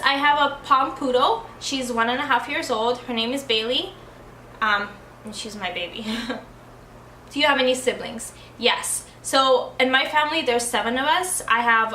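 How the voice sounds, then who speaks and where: A young woman, born in Ukraine and raised in the United States, chats casually to camera while answering tag questions, using lots of likes and ums. Her voice is a little high with a sharp tone, and there's a faint hiss or hum. The room is echoey.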